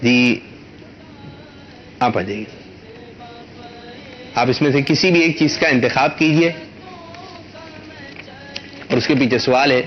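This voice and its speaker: A man hosting a children's quiz in a studio, coaxing the kids patiently and stretching words out slowly when he teaches. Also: mid-range voice, muffled recording, slight background noise. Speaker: quiz show host for children.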